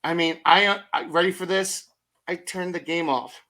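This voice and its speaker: A middle-aged man in a motivational podcast conversation. His voice is bright and forceful and sits slightly high for a man. He tells stories with energy, throws out rhetorical questions and acts out his own thoughts in quoted asides. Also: steady tone, normal speed. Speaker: podcast guest.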